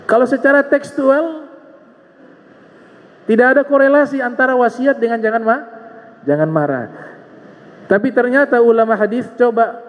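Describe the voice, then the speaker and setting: A man with an Indonesian accent delivers a sermon in a high, ringing voice. He retells old stories through quoted dialogue and drives points home by repeating phrases. His voice carries a long reverb, as if it is filling a large hall. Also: normal speed, long pauses. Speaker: preacher.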